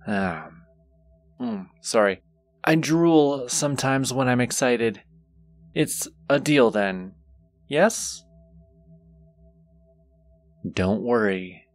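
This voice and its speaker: A male voice actor plays a flirtatious demon, drawling very slowly at a medium pitch with a teasing, seductive, gleefully wicked edge. Pleased and seductive, he speaks straight to the listener in an intimate, animated audio roleplay. The recording is close and dry, with no room sound.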